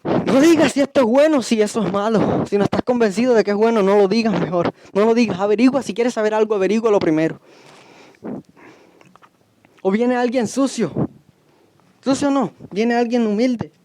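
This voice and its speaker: A man's voice: high-pitched, moderate pace, pauses often, mellow, a little hiss or hum. A young man preaching a stern sermon, hammering his points with repeated commands.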